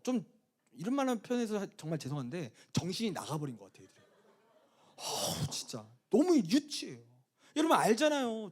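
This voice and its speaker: A man pastor preaching a sermon to a youth retreat, telling comic stories in an animated way that swings from loud exclamations to low asides. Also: slightly rough.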